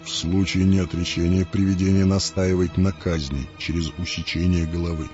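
A man voicing a sickly, hooded male cult servant in an audiobook, speaking in an unexpectedly deep, low voice with a solemn, formal manner. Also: level tone, normal speed, close to an everyday voice. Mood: grave. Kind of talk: audiobook reading. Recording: muffled audio with faint music.

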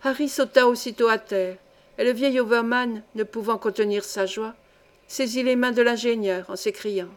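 A woman reading a classic adventure novel aloud as an audiobook, measured and clear. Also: on the high side, steady tone. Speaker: audiobook reader. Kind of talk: scripted novel narration.

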